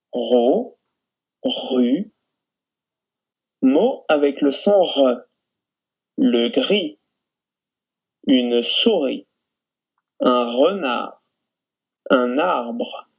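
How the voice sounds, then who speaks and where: Very slow, gravelly man reading drills. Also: mid-range voice, highs cut off. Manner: very slow, deliberate word-by-word reading. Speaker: pronunciation model reader. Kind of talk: reading syllables and words for drill.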